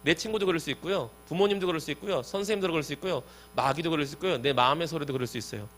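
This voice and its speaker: Lively man preaching to teens. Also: on the high side, rapid-fire, a little hiss or hum. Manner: lively, talks directly to listeners. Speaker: youth pastor. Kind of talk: youth sermon.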